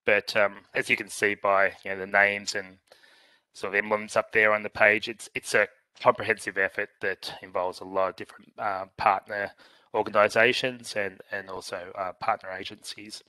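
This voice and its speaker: A man with a croaky, hoarse voice talks through a presentation, pausing and restarting often. His voice sits low yet comes across bright and forceful. The sound is dry and close. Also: flat delivery, no room sound, rough recording. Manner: halting, many fillers and restarts. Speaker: presenter filling in for a scientist. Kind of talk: meeting presentation over a call.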